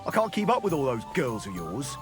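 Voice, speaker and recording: A rowdy, bawdy troubadour. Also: male voice, mid-range voice, wildly swooping pitch, brisk, music in the background. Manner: crude, boisterous, mocking. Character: bawdy, boozy male troubadour, crude and cheerful. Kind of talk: video game cutscene acting.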